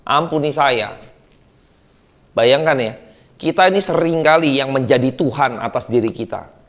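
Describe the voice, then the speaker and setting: A man's voice: a little high, fairly bright tone. A man with an Indonesian accent preaching a sermon as a pastor, reading scripture and then explaining it in casual speech, often asking the congregation questions.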